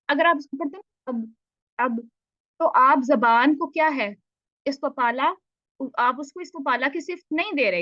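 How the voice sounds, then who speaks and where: A woman's voice: a little high, no echo, highs cut off. A woman teaching Tajweed in an online lesson, patiently repeating points and asking checking questions.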